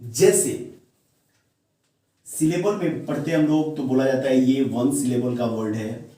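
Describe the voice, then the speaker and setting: A man's voice: mid-range voice, measured pace, dark tone. A man teaching grammar in Hindi with terms, often asking questions and answering them himself. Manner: questions the viewer often and answers himself, repeats key words. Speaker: English teacher. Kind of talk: classroom-style grammar lesson. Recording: very echoey room, voice far from the mic.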